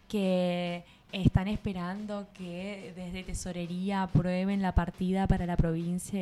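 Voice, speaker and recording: Chatty young Argentine woman. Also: lowish voice. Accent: Rioplatense Spanish. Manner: chatty, rambling, lots of fillers. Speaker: co-host. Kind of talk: casual podcast chat.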